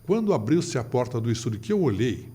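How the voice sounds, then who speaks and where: A man's voice: medium pitch, fairly quick. A man in his fifties with a Brazilian accent, a veteran radio announcer telling stories in a casual interview and acting out the voices he quotes. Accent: Brazilian Portuguese. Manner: animated, acts out quoted voices.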